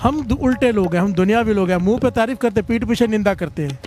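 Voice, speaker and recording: A man preaching a devotional storytelling sermon to a congregation, exhorting them to call and respond and rising in pitch as he urges them on. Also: quick pace, faint music behind. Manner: animated, rises in pitch on exhortations. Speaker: Sikh katha preacher. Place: religious gathering before a congregation.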